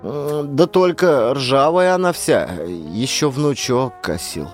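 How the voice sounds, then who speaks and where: A man's voice: medium pitch, animated, slow pace, faint music behind. A man voicing a kind, fussing old village grandmother in an audiobook, doting and fretful. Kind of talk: audiobook character voice.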